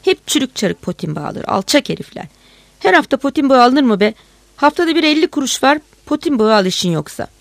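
A woman voicing a frustrated male policeman who pleads and then shouts angrily. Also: high-pitched, sing-song, a little fast, creaky, no room sound, exaggerated voice. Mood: furious. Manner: wheedling, then shouting curses.

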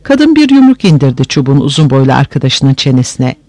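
A man narrating a story aloud in an expressive, animated way. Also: mid-range voice, a little fast, no echo.

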